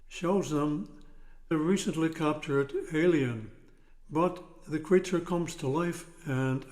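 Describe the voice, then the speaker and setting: Very slow ninety-something man. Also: a little high, darkish tone. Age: 90s. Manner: slow, halting delivery in short phrases. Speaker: guest summarizing a film plot. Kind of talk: reading a prepared summary.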